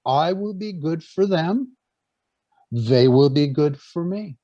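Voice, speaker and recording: A man's voice: fairly high pitch, expressive, slow pace, dark tone, dry recording, dull audio. A man giving an earnest preaching talk to a gathering, telling stories and often stumbling and restarting his words. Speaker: speaker on church life.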